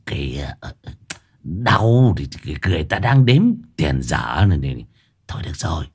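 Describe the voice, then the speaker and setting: A man's voice: extremely low pitch, very animated, unhurried, slightly rough, pitched below the performer's own voice, heavily acted. A man voicing a fat, lazy, greedy village chief who grumbles and curses coarsely. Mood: grumbling.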